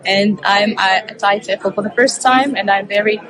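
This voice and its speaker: A woman from Uzbekistan, a secondary school teacher, sounding excited and bubbly. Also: mid-range voice, normal speed, crowd noise. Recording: crowded conference hall.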